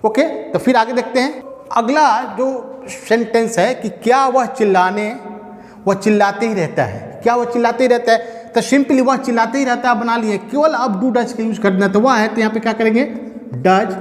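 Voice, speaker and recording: A man's voice: very high-pitched, normal speed. A man with a Bihari Hindi accent teaching a grammar lesson to a class, asking questions and answering them himself. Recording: echoey hall with long reverb.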